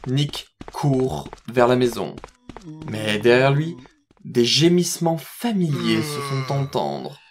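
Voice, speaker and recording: A man delivers scripted audio drama narration at a very slow pace. His voice is medium in pitch, with faint noise in the background. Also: animated.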